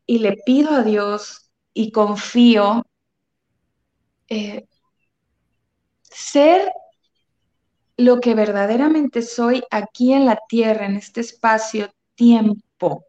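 A woman's voice: fairly high pitch, slow pace, long pauses, warm tone. A woman talking earnestly and emotionally about love and tears, with many fillers. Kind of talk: spiritual conversation. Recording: dull lo-fi sound.

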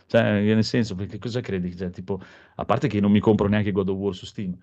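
A man chatting casually about video games, animated and swearing now and then, repeating words for emphasis. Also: fairly low pitch, a little fast. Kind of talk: casual gaming chat. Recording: dull lo-fi mic sound.

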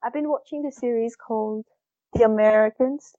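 A woman's voice: fairly high pitch, moderate pace, warm tone, dry recording, dull audio. A woman co-hosting a casual chat, talking enthusiastically about a show she recommends. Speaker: podcast co-host.

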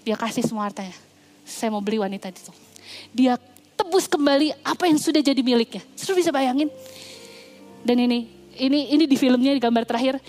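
A young adult woman pastor preaching a lively, playful sermon full of storytelling. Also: high voice.

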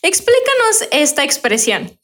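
High-pitched woman co-host, chatty, upbeat, asks the guest stuff. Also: sing-song, measured pace, fairly bright tone. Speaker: podcast co-host. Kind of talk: casual podcast interview.

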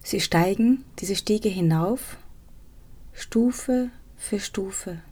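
A woman guides a meditation in a soft, soothing half-whisper, pausing often. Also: mid-range voice, slightly rough. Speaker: podcast host and resilience trainer guiding a meditation.

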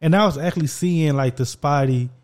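American male co-host, smooth and clean, mellow tone, slangy casual conversation. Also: fairly high pitch, a little fast. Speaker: podcast co-host. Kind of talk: casual chat.

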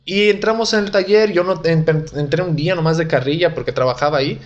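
A man's voice: a little high, fast, lo-fi sound. An Italian-born man in his young adult years, a comedian telling jokes and rambling stories in a casual interview. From Italy. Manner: joking, self-deprecating, rambling. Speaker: comedian guest.

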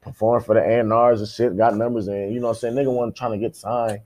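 A man's voice: fairly low pitch, flat delivery, fast, warm tone. A man with an American accent, from Kalamazoo, chatting casually as a guest rapper in profane, repetitive slang. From Kalamazoo, United States. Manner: slangy, profane, repeats himself.

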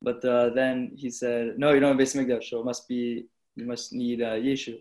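A man's voice: medium pitch, flat delivery, normal speed, darkish tone. A man, a student in a class, telling a story in a casual, slangy way.

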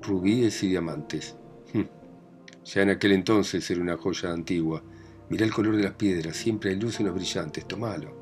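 Reading a play aloud, a man with a Rioplatense accent plays a domineering, meddling aging mother of grown children, at once bossy and doting, scolding and proud. His voice is low, darkish, and close to everyday speech, at normal speed with faint music in the background.

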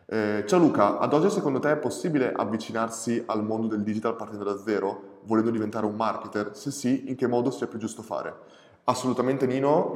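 A man's voice: lowish voice, darkish tone. A man with an Italian accent answering audience questions in an informal live session, direct, opinionated and emphatic as he gives advice. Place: echoey indoor space. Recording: echoey, reverberant room.

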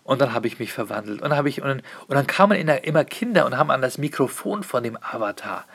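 A man, a comedian, telling a casual comic anecdote in an animated way, swearing freely and acting out bits of dialogue. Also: mid-range voice, fast, vocal fry, breathy edge.

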